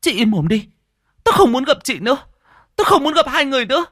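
A man's voice: very high voice, very animated, fast, bright, forceful tone, no echo, studio quality, pitched above the performer's own voice, heavily acted. A man voicing a hot-tempered, jealous young woman who stammers and shrieks when upset. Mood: hurt, furious.

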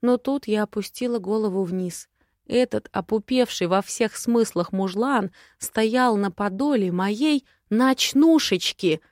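A woman's voice: mid-range voice, measured pace, darkish tone, no echo, clean studio sound. A woman narrating a first-person fantasy audiobook in a sassy, exclamatory, comic way.

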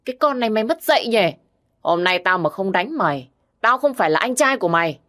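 A woman's voice: mid-range voice, animated, fast talker, fairly bright tone, pitched above the performer's own voice, natural voice. A woman voicing a drunk, abusive older brother who talks in a slurred drawl. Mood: threatening.

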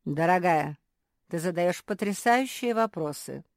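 A woman's voice: medium pitch, lively intonation, unhurried, dry recording, clean studio sound, pitched above the performer's own voice, natural voice. A woman playing a sly, wheedling old shopkeeper man. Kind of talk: audiobook character voice.

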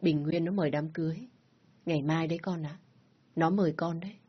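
A woman voicing a warm, easily alarmed middle-aged mother with a husky, homely way of speaking. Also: low-pitched, fairly even intonation, brisk, dull audio.

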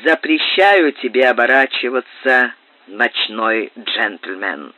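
A man voicing a mysterious nobleman who gives slow, commanding orders in a low voice. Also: expressive, sharp tone, no echo, heavily acted, poor audio. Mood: menacing. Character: menacing mysterious nobleman giving secret orders.

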